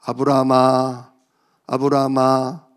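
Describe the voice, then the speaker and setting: A man in a sermon voicing God as a stern, fatherly figure who speaks in slow, commanding pronouncements. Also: mid-range voice, monotone, smooth, voice pushed down, close to an everyday voice. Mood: solemn. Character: stern fatherly male deity.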